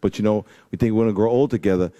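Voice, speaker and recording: A man of forty preaching a sermon, reading scripture and telling stories in a loose, slangy way, swinging from loud peaks to low asides. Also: fairly even intonation, racing. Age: 40s. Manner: slangy, storytelling. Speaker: pastor.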